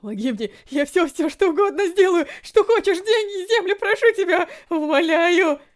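A woman's voice: sits high, lively intonation, a little fast, darkish tone. A woman voicing a terrified, frail man over ninety who begs tearfully in a storybook reading. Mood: pleading. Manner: pleading, tearful begging.

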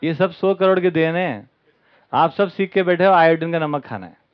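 Male camp speaker, satirical storyteller, higher voice, muffled lo-fi recording. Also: moderate pace, a faint crowd. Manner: satirical, acts out the people in his stories. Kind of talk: storytelling lecture to an audience. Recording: dull lo-fi recording.

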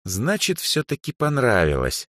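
A cheeky young noblewoman, put on by a man reading a fantasy audiobook, speaks in a high, lifted voice with bold, ironic teasing. The reading is dry and close to the mic. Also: sing-song, moderate pace, a bit bright, no echo. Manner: ironic, cheeky, sharply raised voice.

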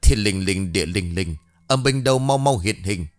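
A male narrator voicing a stern, righteous exorcist master who shouts and chants spells. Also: deep voice, animated, moderate pace, soft background music.

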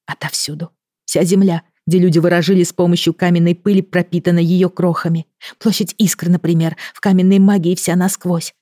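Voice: mid-range voice, flat delivery, brisk, mellow, dry recording, studio quality, pitched above the performer's own voice, natural voice. A reader voicing an anxious, fiery young sorceress girl in an audiobook, with urgent, pleading questions. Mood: earnest. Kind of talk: audiobook character voice.

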